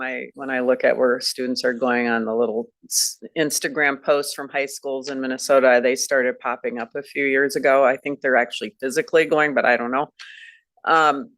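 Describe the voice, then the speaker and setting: A man on a board asking a question in a halting, hesitant, self-deprecating way during a meeting. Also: mid-range voice, steady tone, fairly bright tone, dry recording. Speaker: board trustee.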